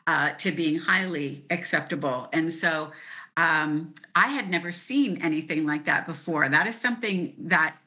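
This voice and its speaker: A woman's voice: deep voice, normal speed, bright, forceful tone. A woman who teaches gifted students, explaining her ideas step by step as a guest in a conversational interview.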